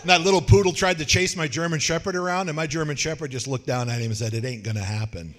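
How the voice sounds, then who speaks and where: A man preaching a sermon in a folksy, joking way, telling animated stories. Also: fairly high pitch, fast, in a large hall. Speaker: pastor.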